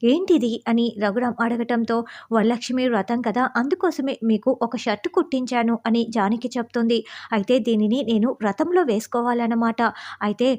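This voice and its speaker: A woman's voice: a little high, moderate pace, darkish tone. A woman recapping the episodes of a television serial, telling the story steadily and briefly voicing the characters' lines.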